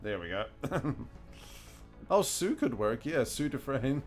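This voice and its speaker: This gaming streamer, a man with a New Zealand accent, talks slowly in a mid-range voice full of big pitch swings. He chuckles often and muses aloud while playing a video game, in casual commentary. Soft background music plays.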